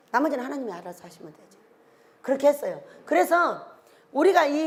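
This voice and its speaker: An older woman preaching a sermon, animated and exclaiming, firing questions at her congregation. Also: high-pitched.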